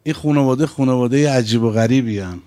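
A man's voice: mid-range voice, warm tone. A male cleric giving a sermon. He poses rhetorical questions and stretches out key phrases for emphasis.

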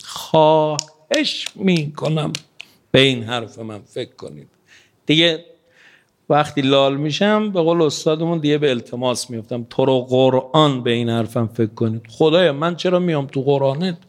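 Impassioned male preacher, fairly high voice. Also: animated. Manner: impassioned, pleading, swings between hushed and raised. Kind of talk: sermon.

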